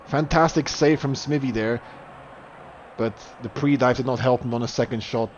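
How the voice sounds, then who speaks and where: At a moderate pace and medium pitch, a young man talks his way through a live online match, his voice spiking on goals and saves amid fillers and restarts. There's a little hiss or hum, and the highs are cut off.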